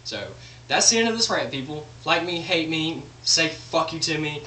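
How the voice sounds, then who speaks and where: A young man rants bluntly and profanely to the camera in a lively, up-and-down voice with a bright edge. The mic sits a few feet away in an echoey room with a faint hum behind it. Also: on the high side, normal speed. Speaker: vlogger. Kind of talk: profane opinion rant. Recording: roomy echo, distant mic, faint hum.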